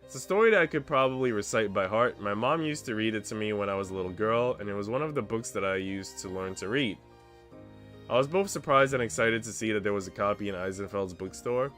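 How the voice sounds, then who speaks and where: A man with a fairly low, somewhat bright voice reads first-person story text aloud as a streamer narrating a visual novel. The game's visual novel music plays behind him.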